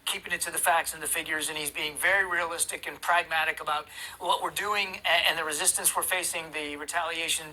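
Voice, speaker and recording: Measured male news guest, retired officer, bright voice, hesitant fillers. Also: on the high side, steady tone, low-quality recording. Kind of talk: broadcast news interview.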